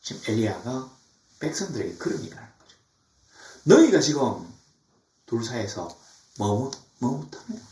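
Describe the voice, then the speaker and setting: A middle-aged man preaching a sermon as pastor, animated, now and then mimicking mocking tones. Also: mid-range voice. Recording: echoey church from far off.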